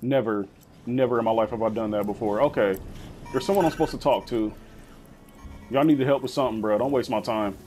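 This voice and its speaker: A man's voice: medium pitch, a little fast, darkish tone, soft background music. Rambling slangy young man gaming. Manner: rambling, slangy, keeps saying bro. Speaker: gaming video host. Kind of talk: casual let's-play commentary.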